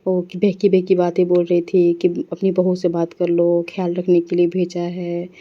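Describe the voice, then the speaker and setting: A woman's voice: on the low side, completely flat delivery, normal speed, muffled recording, lightly acted. A woman voicing an older mother who teases and scolds her grown daughter. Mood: chiding. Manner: chiding, teasing.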